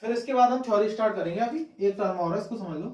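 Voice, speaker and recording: A man's voice: high voice, fast talker, darkish tone. A man teaching a class, who asks his own question and then repeats the key word as the answer. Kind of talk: classroom lecture. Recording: echoey room, distant mic.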